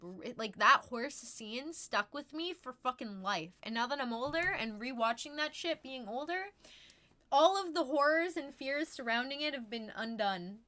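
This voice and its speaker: A woman's voice: sits high, expressive, normal speed, sharp tone. A young adult woman chatting casually as a streamer, with slangy, sweary stoner talk. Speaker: live streamer chatting with viewers. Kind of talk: casual chat.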